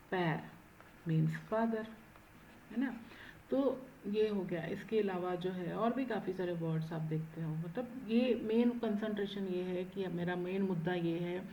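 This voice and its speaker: A woman teaching French in an online lecture, stressing each word slowly and often checking in with "है ना". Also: mid-range voice, darkish tone, a little hiss or hum, rough recording. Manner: mixes Hindi and English, frequent "है ना". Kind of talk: online lecture explaining accent marks.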